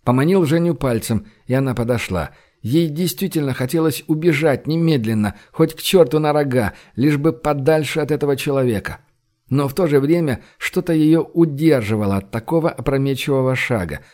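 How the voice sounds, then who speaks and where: A man reading an audiobook novel with measured, even narration. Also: mid-range voice. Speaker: audiobook reader. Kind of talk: scripted narration.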